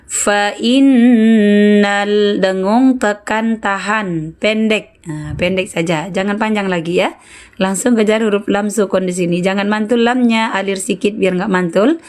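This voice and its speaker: A woman teacher guides students through Quran recitation, speaking at an unhurried, deliberate pace. Her voice is smooth and clear. She corrects each sound patiently and repeats syllables so learners can copy them. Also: medium pitch. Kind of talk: online tajwid lesson correcting students.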